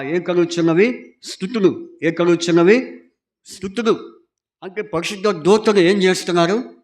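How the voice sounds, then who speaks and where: A male pastor preaching a Sunday sermon, reading scripture slowly and repeatedly asking the congregation questions, urging them to answer aloud. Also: on the high side, darkish tone. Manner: reads scripture slowly and emphatically.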